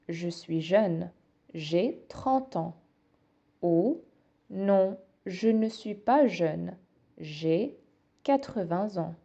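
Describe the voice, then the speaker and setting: A woman teaching a language lesson in a slow, carefully articulated voice. Her tone is mellow and relaxed, at a middle pitch. The recording sounds a bit dull and lo-fi. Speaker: French teacher. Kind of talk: scripted language lesson narration.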